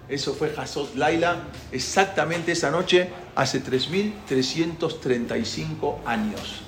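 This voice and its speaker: Animated high-voiced man teaching scripture. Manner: animated, dramatic storytelling. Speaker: religious teacher. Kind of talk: storytelling Torah lesson. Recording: echoey room, faint background noise.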